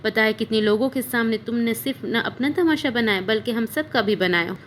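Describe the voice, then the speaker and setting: A woman's voice: on the high side, a little fast, slight background noise, natural voice. A woman voicing an anxious mother who scolds and pleads with her daughter. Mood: scolding.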